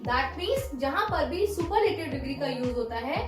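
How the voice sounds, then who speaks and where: A woman teaching English grammar in a lesson, slowly spelling out word forms one by one. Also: high-pitched, lively intonation, echoey room, over music, rough recording. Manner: slow, deliberate dictation of word forms.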